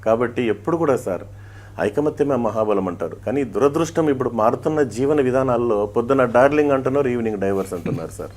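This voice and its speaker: A man's voice: mid-range voice, fast. A middle-aged man with an Andhra Pradesh Telugu accent, a police head constable and mimicry artist, telling stories as an interview guest and weaving proverbs and rhymes into his answers. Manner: storytelling with proverbs and rhymes, animated shifts in voice.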